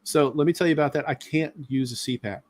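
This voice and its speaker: A man's voice: on the high side, fast talker, darkish tone. A middle-aged man hosting a live stream, talking casually and at length with many fillers. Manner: rambling, talkative, lots of fillers.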